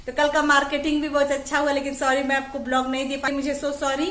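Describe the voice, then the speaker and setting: A woman, chatting quickly and freely to camera at home as a home vlogger. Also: high-pitched, monotone, fairly bright tone. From Jharkhand, India. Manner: chatty, talks fast. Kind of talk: casual chat to camera. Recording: echoey room with faint music.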